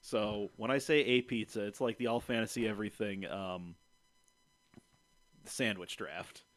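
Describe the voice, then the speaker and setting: A man's voice: fairly low pitch, fairly even intonation, a little slow, a bit bright, no room sound. A man bantering casually on a live stream in a brash frat-bro manner, slangy and full of swearing.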